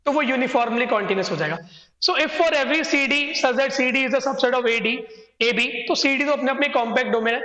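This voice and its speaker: A man's voice: very high voice, a bit bright. A man teaching a math exam solution lecture, explaining step by step and speaking directly to his students. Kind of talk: exam solution lecture, mixing Hindi and English. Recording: echoey room with long reverb.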